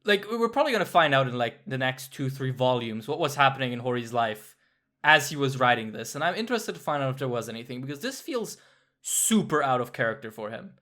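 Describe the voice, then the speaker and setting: A man's voice: medium pitch, big pitch swings, quick pace, sharp tone. Guy hosting a podcast, chill and thoughtful, agrees a lot. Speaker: podcast host. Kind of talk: casual chat.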